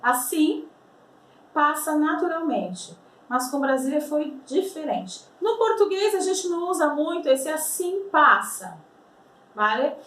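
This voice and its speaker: A woman teaching a language lesson. She explains patiently, repeats words slowly to show their pronunciation, and keeps checking with "tá?" and "vale?". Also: high voice, very animated, fairly bright tone. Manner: ends phrases with checking tags like "tá?" and "vale?". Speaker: Spanish teacher. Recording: roomy, slightly distant mic.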